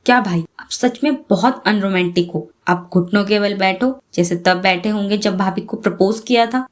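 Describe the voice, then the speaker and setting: A woman's voice: medium pitch, normal speed, lightly acted. Woman voicing a teasing, bossy young sister. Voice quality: playful, teasing.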